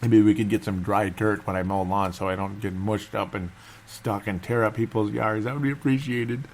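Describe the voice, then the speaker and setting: A man's voice: fairly low pitch, little pitch movement, normal speed, slight background noise. A man hosting a casual solo sports fan show in a subdued, held-back voice, as if not to wake anyone, rambling and repeating himself.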